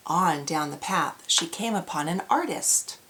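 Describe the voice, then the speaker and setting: A woman's voice: low voice, animated, a little slow, bright, forceful tone. A woman storyteller reading aloud to children, with an exaggerated, cheery child-directed delivery and questions put to the young listeners. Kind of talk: animated children's read-aloud.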